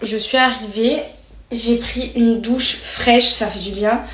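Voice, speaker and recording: A woman's voice: a little high, steady tone, takes it slowly, fairly bright tone, a little hiss or hum. A young woman vlogging casually, talking with many hesitations and fillers. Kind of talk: casual vlog chat.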